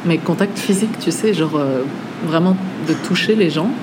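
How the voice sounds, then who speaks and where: A woman from France talks casually as an interviewer, her voice fairly low and relaxed. Clear café noise hangs behind her. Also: normal speed. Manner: chatty, relaxed, laughs easily. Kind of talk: casual conversation.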